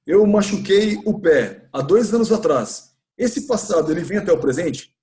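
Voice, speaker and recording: A man's voice: high voice, expressive, moderate pace, dark tone. A man with a Brazilian Portuguese accent teaching an English grammar class in a church classroom, patiently questioning students and repeating points.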